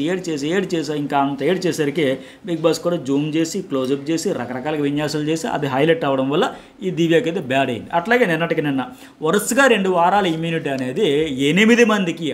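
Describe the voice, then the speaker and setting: Rapid-fire emphatic man commentator. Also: high-pitched. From India. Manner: emphatic, animated, repeats words for effect. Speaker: journalist and reality-show commentator. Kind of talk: opinionated solo commentary.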